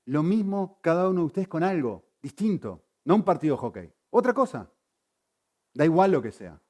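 A man preaches with a lively, animated delivery. His voice sits somewhat high for a man and rises and falls widely. He moves from loud emphasis to hushed, intense points. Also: normal speed. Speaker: pastor. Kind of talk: sermon.

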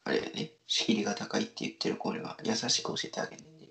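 A man's voice: rapid-fire, pushed and bright. A young man with a Kansai accent, chatting casually as a podcast co-host, with dry, teasing short replies. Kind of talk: casual chat.

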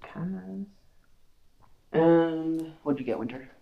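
A man's voice: on the high side, slow pace, vocal fry, narrow, tinny audio. A man running a tabletop game as game master, playful and teasing, often stopping and restarting his sentences.

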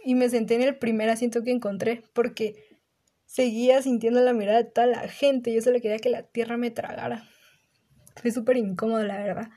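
A woman's voice: fairly high pitch, husky. A young woman hosting a podcast, telling a personal anecdote casually and acting out her own reactions. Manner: animated, acts out her own reactions in quotes. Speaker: podcast host.

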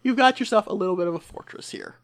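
A woman's voice: medium pitch, expressive, fast talker. A woman narrating as game master in a tabletop game, teasing her players, laughing often and stopping for filler words.

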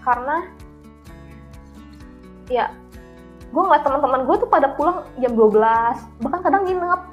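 A woman's voice: high voice, lively intonation, moderate pace, dull audio, soft background music. A young woman, casually telling her story in slangy talk and laughing often as an interview guest.

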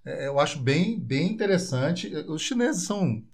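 Casting: man, Goiás Brazilian accent, chatty joking podcast host, slightly high voice. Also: big pitch swings, a little slow, slightly rough. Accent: Goiás Brazilian Portuguese. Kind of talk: casual interview chat.

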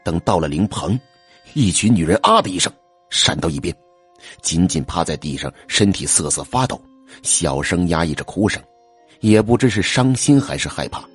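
A man narrating a spooky folk tale as an audiobook, lively in manner and slipping into the voices of the characters for their lines. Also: low-pitched, normal speed, breathy edge, soft background music. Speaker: storyteller. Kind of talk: audiobook narration with acted dialogue.

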